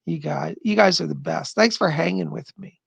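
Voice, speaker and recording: A man's voice: fairly high pitch, normal speed, gravelly, a bit bright, husky, no echo. A middle-aged psychic host with a strained, tired voice, chatting casually from home as he reads out viewer comments, rambling and laughing often. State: strained, losing his voice. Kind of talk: casual live-stream chat reading viewer comments.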